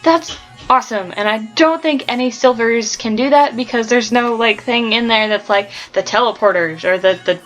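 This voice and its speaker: A woman's voice: on the high side, moderate pace, a bit bright, soft background music, poor audio. A woman talking casually about a book she loves, gushing and ranting with plenty of fillers. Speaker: book vlogger. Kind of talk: casual book review chat.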